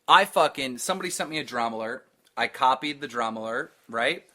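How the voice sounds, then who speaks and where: A man's voice: medium pitch, brisk. A man co-hosting a podcast, telling profane stories in a casual chat and mimicking other people's voices as he retells them. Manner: animated, profane storytelling. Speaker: podcast co-host.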